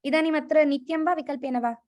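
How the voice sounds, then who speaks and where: A woman's voice: high voice, fairly even intonation, rapid-fire, a little mellow, no echo, studio quality. A woman with an Indian accent teaching an interactive language class, prompting, correcting and repeating key words. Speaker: Sanskrit teacher. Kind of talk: interactive online lesson.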